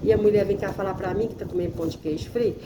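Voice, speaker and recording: A woman's voice: medium pitch, steady tone, very fast, background noise, close to an everyday voice. A woman quoting an upset street vendor woman. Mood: aggrieved. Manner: complaining, aggrieved.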